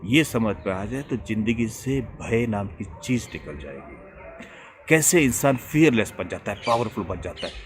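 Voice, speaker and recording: A man giving a spiritual storytelling discourse, animated, with dramatic rises and hushed drops. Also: lowish voice, normal speed. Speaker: spiritual speaker.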